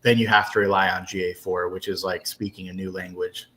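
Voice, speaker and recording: A man's voice: sits low, flat delivery, a little fast, fairly bright tone, a little hiss or hum. A man giving a casual, conversational explanation in a business webinar. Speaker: marketing presenter.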